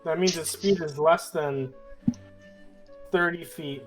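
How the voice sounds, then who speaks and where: A man's voice: on the high side, fairly even intonation, slow, faint music behind. Upbeat joking male gamer. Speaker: player. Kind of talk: tabletop game chat.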